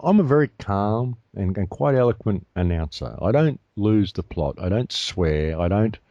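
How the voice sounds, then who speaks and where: A man's voice: fairly low pitch, lively intonation, normal speed, warm tone, no room sound, dull audio. A man speaking as a guest on a radio talk show, passionate and insistent, often repeating phrases for emphasis. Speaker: guest commentator.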